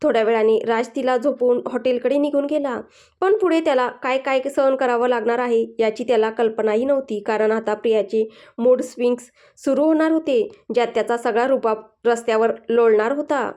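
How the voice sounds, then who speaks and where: A woman with a high, light voice narrates a romantic story. Her reading is gentle and evenly paced, steady from line to line. She tells it the way a storyteller reads a serialized tale. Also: fairly quick.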